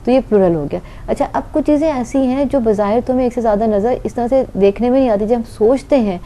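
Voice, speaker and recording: Dark-voiced woman teaching grammar. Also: on the high side, slight background noise. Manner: explains patiently, asks and answers her own questions. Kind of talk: online grammar lesson.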